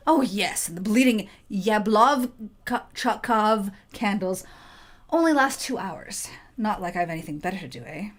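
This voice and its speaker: A woman voicing a brusque, grumbling working woman engineer with a Yorkshire accent, loud and blunt. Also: medium pitch, lively intonation, a little slow.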